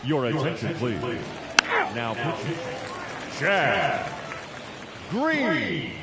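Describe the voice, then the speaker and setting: A man announcing the lineup over a stadium's public address loudspeaker, drawing out each name in a slow, formal way. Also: medium pitch, wildly swooping pitch. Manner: slow, drawn-out delivery, stretching names. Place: outdoor ballpark. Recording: distant loudspeaker, loud crowd and noise.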